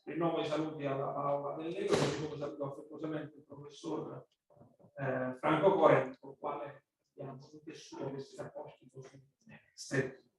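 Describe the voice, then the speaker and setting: A man's voice: on the high side, flat delivery, moderate pace, a little hiss or hum. A man with a Neapolitan accent gives a formal welcome speech as the official opening a conference. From Naples, Italy. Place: echoey conference room. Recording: very echoey room, distant microphone.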